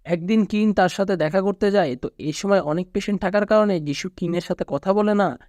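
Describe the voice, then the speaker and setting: Narrator: male, Bangladeshi Bengali accent, high voice, dry close recording, even storytelling read. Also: brisk, dry recording. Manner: steady storytelling recap, quoting characters flatly. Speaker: movie recap narrator. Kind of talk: scripted narration.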